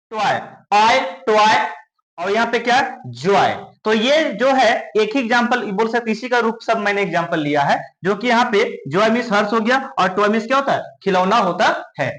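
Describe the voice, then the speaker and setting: A male teacher with a high, bright, sharp voice. He explains sounds at the board, asking a question and answering it himself as he repeats each word slowly. The sound rings in a roomy, echoey space. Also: animated. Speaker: English teacher. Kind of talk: classroom lesson at a board.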